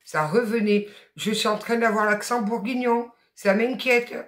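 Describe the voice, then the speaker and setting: Speaking a little slowly with a steady tone, a Southern French tarot reader delivers guidance at a middle pitch. The emphatic, chatty reading encourages the listener, adds a few blunt asides, and rings out in an echoey space.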